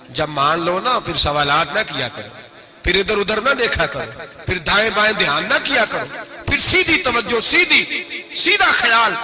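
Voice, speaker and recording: A man from Pakistan preaching a sermon, telling a story with dramatic delivery. He acts out quoted dialogue with his voice and recites poetry slowly. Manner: dramatic, shifts pitch to act out quoted dialogue. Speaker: Islamic preacher.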